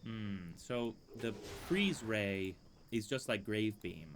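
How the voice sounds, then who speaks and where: A streamer muses over his gameplay to himself, dryly amused and casual, sometimes leaning away from his desk microphone. His voice is fairly low and his pace slow, with slight background noise.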